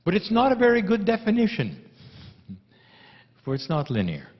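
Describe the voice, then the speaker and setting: Solemn guy doing spiritual channeling, voice swings up and down, kinda high, echoey hall. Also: huge pitch swings, moderate pace. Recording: dull recording in reverberant hall.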